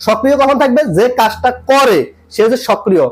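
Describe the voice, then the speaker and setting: A man's voice: very high-pitched, brisk, husky. A man teaching English grammar in a tutorial lesson, repeating points and quizzing the viewer with questions as he explains.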